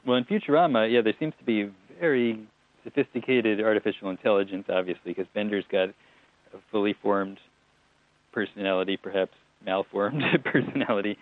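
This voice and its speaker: Guy on a tinny phone call, lowish voice, rambling chatty answers, dry sound. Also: moderate pace, no room sound. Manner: chatty, digressive, with laughs and restarts. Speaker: TV writer-producer guest. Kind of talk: relaxed interview answers.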